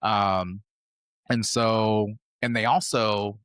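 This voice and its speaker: A man's voice: on the low side, steady tone, extremely slow, fairly bright tone, clear, resonant tone, dry recording, studio quality. An American man in his fifties, a podcast guest telling his travel stories in a rambling, conversational way. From United States. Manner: rambling, conversational, loosely strung anecdotes. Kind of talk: casual interview storytelling.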